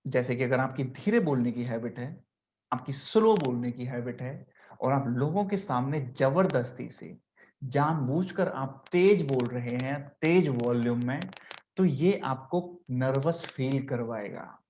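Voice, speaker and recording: A man's voice: mid-range voice, lively intonation, unhurried, darkish tone. Man teaching public speaking, lo-fi. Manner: mixes Hindi and English, repeats key points. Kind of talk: online masterclass lecture. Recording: dull lo-fi recording with faint noise.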